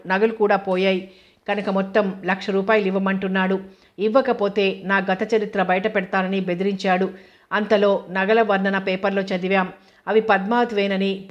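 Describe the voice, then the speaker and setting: A woman's voice: mid-range voice, lo-fi sound, natural voice. A woman voicing a remorseful middle-aged man who confesses his crimes in an audio novel. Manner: pleading, self-accusing.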